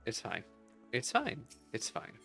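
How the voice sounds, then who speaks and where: A game streamer gives casual, chatty playthrough commentary, reading dialogue aloud and reacting in a playful, slangy way. His medium-pitched voice swoops wildly in pitch and is slow, creaky, bright, and forceful, with game music playing behind it.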